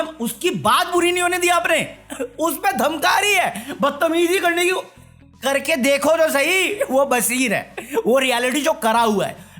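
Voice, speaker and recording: High-voiced man in a sarcastic rant. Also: pushed and bright. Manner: sarcastic, mocking, rapid rant. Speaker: commentary vlogger. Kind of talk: ranting reality show commentary.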